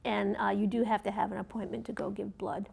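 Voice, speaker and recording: A woman co-hosting and reading community event announcements in a conversational, slightly halting way. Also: medium pitch, level tone, gravelly, a little mellow, slightly rough. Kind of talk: conversational announcements, read from notes.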